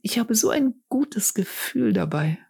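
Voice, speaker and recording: A woman reading the part of an old male shepherd who tells of a dream, speaking slowly and often in a hushed, half-whispered voice. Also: a little high, expressive, gravelly, slightly rough, voice pushed up, full character voice. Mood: wondering, tender. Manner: slow, hushed, partly whispered.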